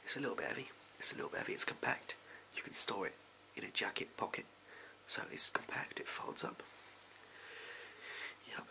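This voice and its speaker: A young adult Englishman, heavily acting, whispers as a sleazy backstreet gun dealer with no morals, his lowish voice very animated, a little fast, bright and forceful with vocal fry. The patter is furtive, clipped and offhand in a furtive, casual mood, recorded in a small room at home near the camera.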